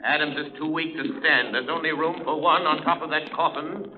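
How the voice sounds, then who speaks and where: An actor playing a grim, commanding mystery crime-fighter in an old radio drama, speaking solemnly in deliberate, formal, theatrical phrases. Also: male voice, a little high, steady tone, close to an everyday voice. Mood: stern, unforgiving. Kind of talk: 1930s-40s radio drama acting. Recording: muffled, phone-like old radio recording.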